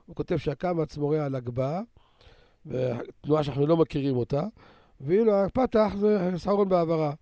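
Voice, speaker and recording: Mellow-voiced man giving a Torah lesson. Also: fairly high pitch, no room sound, studio quality. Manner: cites sources in quick succession, asks rhetorical questions. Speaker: Torah lecturer. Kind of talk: religious study lecture.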